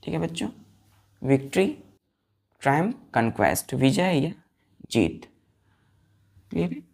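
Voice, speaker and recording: A woman's voice: rumbling low, big pitch swings, measured pace, creaky, darkish tone, husky. A woman teaching English vocabulary to children, spelling each word letter by letter and repeatedly asking them to say it back. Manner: mixes Hindi explanations with English words. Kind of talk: classroom-style vocabulary lesson.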